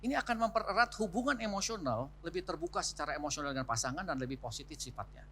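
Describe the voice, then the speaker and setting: A man delivers a church marriage seminar in a chatty, teaching manner, full of rhetorical questions and asides to the couples. His voice is bright and forward. It sits a little on the high side. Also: lively intonation, rapid-fire, a little hiss or hum. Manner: warm, conversational teaching with frequent rhetorical asides. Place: church hall.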